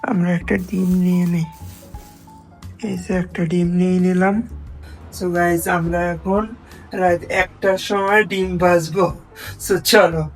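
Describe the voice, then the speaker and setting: A young man chatting to viewers in a casual late-night cooking vlog, mixing in English words and often speaking softly. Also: high voice, level tone, a little slow, long pauses, faint music behind, poor audio. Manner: speaks in a hushed voice so as not to wake a sleeping roommate. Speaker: vlogger. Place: small kitchen at night, indoors.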